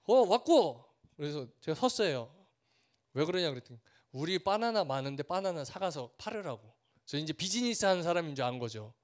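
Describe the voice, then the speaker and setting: Preaching in a sing-song, fairly quick manner, this Korean missionary has a high voice for a man. His earnest sermon weaves in stories, gaining force through repetition, and he slips into villagers' voices along the way.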